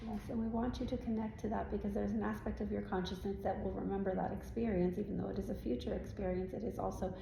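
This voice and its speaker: A woman speaks quickly with hardly any pauses, her medium-pitched voice gravelly and warm, intonation fairly even. Channeling a serene spirit guide at an indoor live event, she answers audience questions with instructive spiritual guidance in stilted formal phrasing, frequently using questioning tags. The recording is roomy with faint noise.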